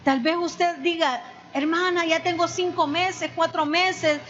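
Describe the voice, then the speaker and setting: A woman preaching a sermon, deliberate and emphatic, repeating exhortations. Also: very high-pitched, steady tone, fairly bright tone, muffled recording, a little hiss or hum. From El Salvador.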